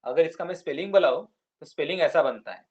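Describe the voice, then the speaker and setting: A man teaching Sanskrit to children in a classroom, patiently spelling out words and sounds slowly. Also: on the high side, muffled recording. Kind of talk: classroom explanation.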